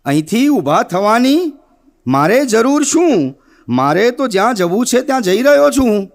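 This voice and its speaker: A man voicing a rustic, unbothered village headman who speaks in deadpan verse. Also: very high-pitched, a little fast, creaky, heavily acted. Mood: calm, wry.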